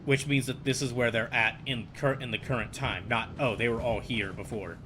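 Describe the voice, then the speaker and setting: A man's voice: mid-range voice, fairly even intonation, moderate pace, heavy background noise. Rambling male game streamer. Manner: rambling, many restarts and fillers. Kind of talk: live gameplay commentary.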